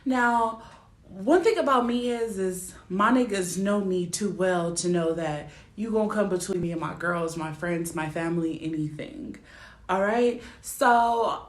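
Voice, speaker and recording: A woman in her twenties telling a story to her viewers as a vlogger, blunt and emphatic, swearing freely and often asking whether they follow her. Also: mid-range voice. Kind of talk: casual storytelling rant to camera. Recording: roomy echo.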